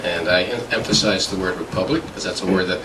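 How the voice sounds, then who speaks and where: A lowish-voiced man, still getting over the flu, argues in a debate with many pauses and filler sounds. He sounds far from the microphone in a reverberant hall, with a faint hiss underneath. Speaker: debater for a republic. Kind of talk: public debate speech. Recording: echoey hall, distant mic, faint hiss.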